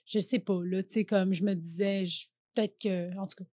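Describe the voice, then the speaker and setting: On a podcast, this Québécois-accented woman in her thirties, a comedian guest, chats loosely with fillers, restarts and lots of laughter. She talks at a moderate pace at medium pitch with fairly even intonation and a darkish tone, with no room sound.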